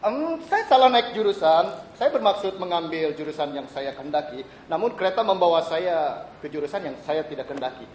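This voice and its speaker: Male actor as a fussy middle-aged visitor in a stage play; high, swooping voice, roomy live recording from a small theatre. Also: very animated, brisk, few pauses, darkish tone, slight background noise. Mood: deferential. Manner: deferential, addresses the other as sir, hesitant restarts.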